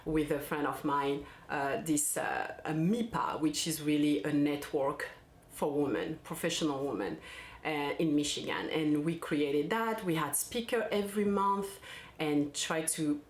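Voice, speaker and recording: A woman speaks in a low voice, chatty and easygoing, restarting her sentences as she tells her own story. She talks to camera as a parenting coach, and the sound comes from an echoey room. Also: unhurried. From France. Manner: warm, chatty, with restarts and fillers. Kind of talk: casual personal vlog.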